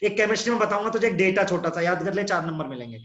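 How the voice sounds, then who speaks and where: A high-voiced man teaching chemistry over an online class, blunt and teasing with his students. His voice booms back with a cave-like echo from the room. The sound is dull and muffled. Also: lively intonation, very fast, fairly bright tone. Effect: echoing voice, like in a cave. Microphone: no earphones, device mic.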